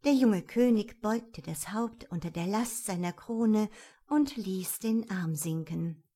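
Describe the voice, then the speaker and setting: A woman reading a fairy tale aloud in a lively storytelling manner. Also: medium pitch, takes it slowly. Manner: lively storytelling, voices the characters.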